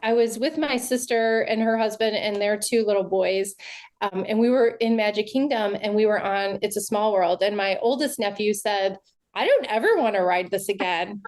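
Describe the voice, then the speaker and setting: A woman's voice: medium pitch, steady tone, moderate pace, darkish tone. An older woman, a podcast guest, talking earnestly and reflectively over a video call, with frequent restarts. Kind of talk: casual podcast interview.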